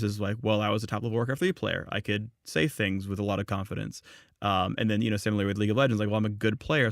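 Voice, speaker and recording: A man talking as a podcast guest, relaxed and rambling with many fillers, in casual chat. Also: fairly low pitch, gravelly, no echo, clean studio sound. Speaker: podcast guest, esports commentator.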